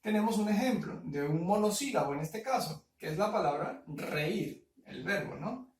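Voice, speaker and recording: A male teacher calmly working through a grammar exercise for primary pupils, stretching out example words syllable by syllable and often checking in with "¿verdad?". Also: high-pitched, far from the mic. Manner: slow, syllable-by-syllable word spelling with frequent "¿verdad?". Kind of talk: recorded grammar lesson. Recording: echoey room, voice off-mic.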